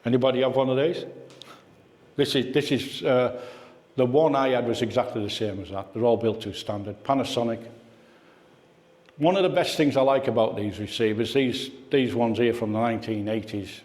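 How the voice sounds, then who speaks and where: A man's mid-range, slightly mellow voice moves at normal speed. As guest speaker in an indoor club meeting room, he chats and reminisces informally and quizzes his audience, and the space sounds echoey.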